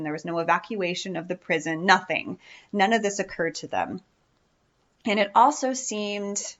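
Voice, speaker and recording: Chatty woman telling a heist story. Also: on the low side. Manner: chatty, animated, fillers and self-corrections. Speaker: podcast co-host. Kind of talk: casual true-crime storytelling. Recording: dull lo-fi sound.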